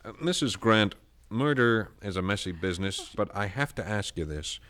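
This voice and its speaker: An actor playing a calm, methodical homicide lieutenant in a 1970s radio drama, asking measured, probing questions. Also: male voice, lowish voice. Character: male police lieutenant, calm methodical investigator. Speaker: homicide detective.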